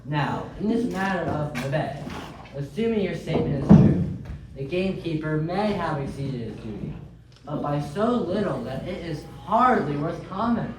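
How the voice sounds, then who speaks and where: Man voicing a pompous magistrate, high voice, scornful, echoey distant sound. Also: animated, moderate pace, natural voice. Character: haughty arrogant male noble magistrate. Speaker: actor. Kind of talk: radio drama acting. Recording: echoey, distant, faint noise.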